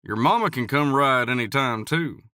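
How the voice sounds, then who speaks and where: A man voicing a confident, playful cowboy in an audiobook, a bit louder than his narration. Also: mid-range voice, moderate pace, no echo, studio quality, natural voice. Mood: teasing.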